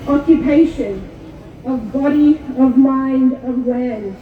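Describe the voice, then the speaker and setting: A woman born in Kuwait giving a measured, solemn prepared speech to an outdoor rally. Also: high voice, a little hiss or hum. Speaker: rally speaker. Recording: echoey far-off PA with tinny sound.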